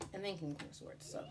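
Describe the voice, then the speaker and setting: A woman's voice: low-pitched, gravelly, background noise. A woman giving an unscripted tarot explainer in a chatty, informal way, with slang and free swearing. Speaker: tarot reader presenting a tutorial.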